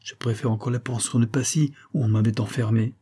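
A man's voice: medium pitch, fairly even intonation, brisk, warm tone, husky, lightly acted. A man reading an audiobook, voicing a bored, melancholy young woman with a disdainful manner. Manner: sighing, disdainful. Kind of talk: audiobook character voice.

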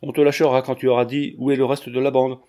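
A man voicing a gruff, bullying middle-aged customs officer in a storybook reading. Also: mid-range voice, flat delivery, quick pace, a little mellow, natural voice. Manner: brusque, bullying.

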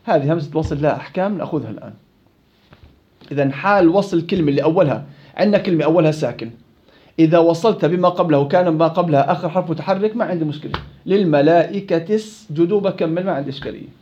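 Male teacher, fairly high, mellow voice, lecturing and quizzing a class; muffled lo-fi recording. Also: racing. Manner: explains rules, then quizzes students. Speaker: Quran recitation teacher.

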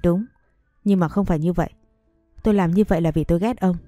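Woman doing a curt defiant young man, low and dark. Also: fast talker, dry recording, clean studio sound, soft background music, close to an everyday voice.

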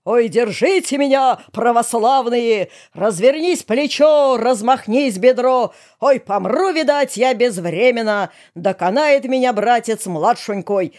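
A woman's voice: animated, unhurried, few pauses, a little mellow. A woman voicing a man who wails and sobs in mock folk lament. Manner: high wailing, sobbing lament.

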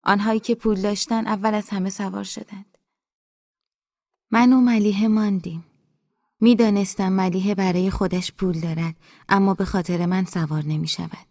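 A woman narrating an audiobook in a soft, hushed, inward way, recorded on a studio mic. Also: medium pitch, steady tone, no room sound.

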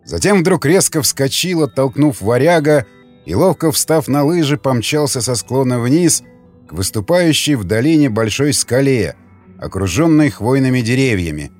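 A man narrating an audiobook in a measured storytelling manner. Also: medium pitch, animated, darkish tone. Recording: dry studio with faint music.

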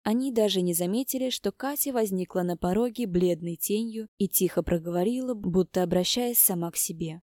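A woman narrating an audiobook in an even, steady storytelling voice. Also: mid-range voice, fairly quick, few pauses, no room sound, clean studio sound.

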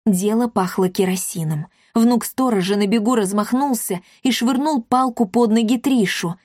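A woman's voice: fairly high pitch, moderate pace, dry recording. Woman narrating a storybook, dry sound. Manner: lively, expressive reading. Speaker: audiobook narrator.

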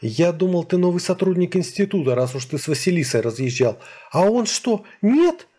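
A nervous, quick-tempered wolf snaps and grumbles in a husky voice that rides a little higher than normal, as a man puts him on for an audiobook. He speaks with indignant urgency, as if always just wronged. The talking animal comes across as more bark than bite. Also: sing-song, warm tone, full character voice. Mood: agitated. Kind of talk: audiobook character voice.

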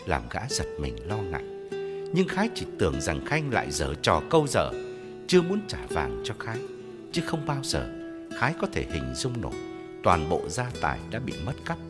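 A man narrating a story in a measured, expressive audiobook style. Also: low-pitched, long reverb tail, over loud music.

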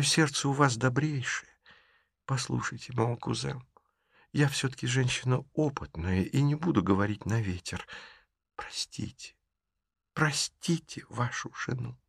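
A man's voice: mid-range voice, creaky, dry recording, studio quality, pitched above the performer's own voice. A man voicing a fussy, tearful middle-aged gentry lady who pleads theatrically in an audiobook. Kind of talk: audiobook character reading.

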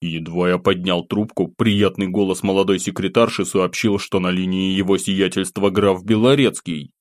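A man reading a first-person audiobook in a calm, wry storytelling manner. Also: sits low, moderate pace, no echo, clean studio sound. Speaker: audiobook narrator.

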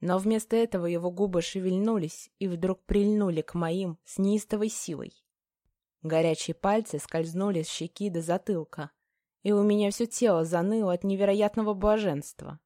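A woman narrating a novel in the first person with an emotive, expressive reading. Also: mid-range voice, normal speed, dry recording, clean studio sound. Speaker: audiobook narrator.

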